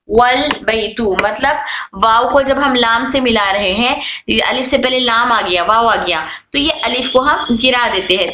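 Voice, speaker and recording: A woman teaching a class on Arabic letter rules, repeating points, asking questions and answering them herself, and stretching out example words slowly. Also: fairly high pitch, pushed and bright, a little hiss or hum. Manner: drawn-out slow model readings of words. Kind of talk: online class lecture. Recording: echoey room.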